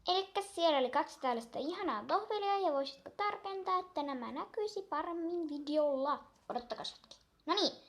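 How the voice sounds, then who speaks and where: A young girl chatting casually while unboxing a toy, gushing and excitable, counting down aloud. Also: very high-pitched.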